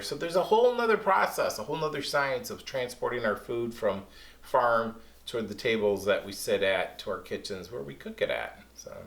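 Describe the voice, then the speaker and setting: A man teaching a kids' science lesson in a casual, lively way, speaking to children. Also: mid-range voice. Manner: casual, lively, talks to kids. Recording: echoey room.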